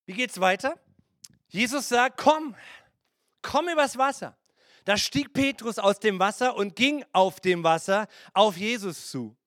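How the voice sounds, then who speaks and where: A man's voice: high-pitched, sharp tone, dry recording, studio quality. A man preaching a sermon as pastor, breaking into playful acted asides and mimicry.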